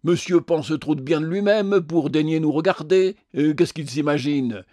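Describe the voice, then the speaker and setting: A man's voice: a little high, normal speed, warm tone, no echo, studio quality, lightly acted. A man voicing a resentful bus passenger in an audiobook, grumbling sarcastically.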